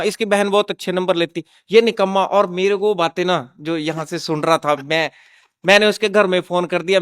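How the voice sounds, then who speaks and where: Man, teacher, high clear voice, storytelling, quotes his pupils, close dry mic. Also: no room sound. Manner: animated anecdotal telling, quoting his pupils. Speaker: government school teacher. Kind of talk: storytelling in a talk show.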